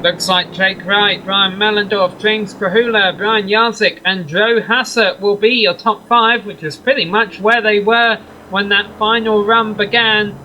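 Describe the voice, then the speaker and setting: A male race commentator with a high, bright and forceful voice, chatty and given to wry asides. He calls the action over a faint hiss of background noise. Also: steady tone, measured pace, few pauses, rough recording. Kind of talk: sim racing play-by-play commentary.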